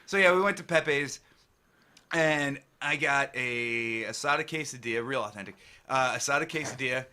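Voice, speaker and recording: A man's voice: mid-range voice, normal speed, pushed and bright. A middle-aged man from Cleveland with a Cleveland accent, co-hosting a podcast in loose, profane casual chat. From Cleveland, Ohio. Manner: loose, profane, laughs often. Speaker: podcast co-host.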